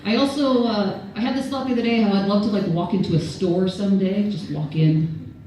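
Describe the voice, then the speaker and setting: A woman's voice: mid-range voice, brisk, dark tone, a little hiss or hum. A Canadian woman doing a stand-up set at an event, rambling and self-deprecating, laughing at her own jokes. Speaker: stand-up comedian. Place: event venue, audience laughter behind. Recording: echoey room from far off.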